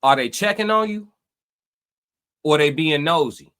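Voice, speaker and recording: A man's voice: on the high side, expressive, measured pace, a bit bright. A man hosting a live reaction stream, talking to his chat and giving emphatic life advice. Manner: preachy, emphatic, talks to chat.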